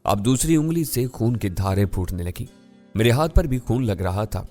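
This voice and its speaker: A man narrating a first-person thriller audiobook in a steady, measured way. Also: lowish voice. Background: faint music.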